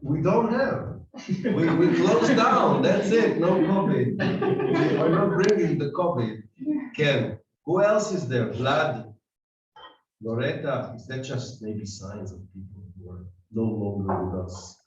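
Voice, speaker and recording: A seminar leader casually welcomes his class with jokes, chatting and teasing them with many restarts. His voice is a little high, animated and slow. He's in a meeting room with a table, recorded very echoey, distant and dull with faint noise.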